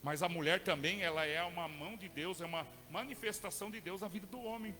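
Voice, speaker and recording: A Brazilian man in middle age is preaching, and his high voice rings with a bright, forceful edge. He moves between easy, conversational questions to the congregation and fervent, shouted declarations. A long church-hall reverb trails each phrase, and faint music sits underneath. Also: fast talker. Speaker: pastor. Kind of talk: sermon.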